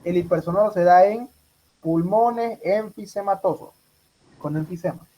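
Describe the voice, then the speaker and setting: A man's voice: high-pitched, moderate pace, dull audio. A man runs an exam review for medical students. He fires questions at the class and repeats each answer back to them. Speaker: medical tutor.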